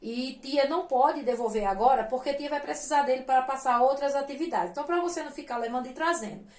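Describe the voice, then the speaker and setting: A woman teaching young children with a Brazilian Portuguese accent, patient and sing-song, spelling syllables out slowly. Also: high voice, a little mellow, echoey room. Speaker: primary school teacher. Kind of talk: recorded lesson for young children.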